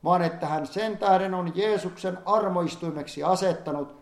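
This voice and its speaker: A man reading an old-fashioned sermon aloud in a solemn, fervent manner, rising in emphasis on pleading passages. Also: sits high. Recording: echoey room.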